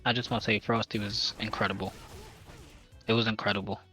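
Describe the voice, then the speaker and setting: Low, bright-voiced enthusiastic man. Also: level tone, a little fast, husky, soft background music. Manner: enthusiastic, gushing. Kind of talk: casual chat.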